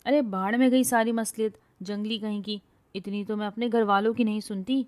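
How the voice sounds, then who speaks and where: A woman's voice: medium pitch, flat delivery, close to an everyday voice. Woman voicing a feisty, bossy young woman. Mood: furious. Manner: loud scolding, bragging.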